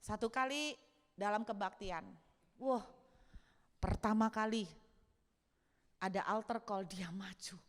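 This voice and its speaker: A woman pastor preaching a sermon, telling stories in an expressive, humorous way. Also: medium pitch, takes it slowly, long pauses. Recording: long hall reverb.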